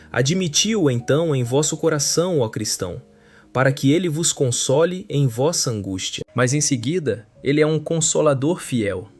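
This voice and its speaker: A man narrating a translated sermon in a solemn, measured preaching manner. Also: medium pitch, a little mellow. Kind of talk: scripted sermon reading.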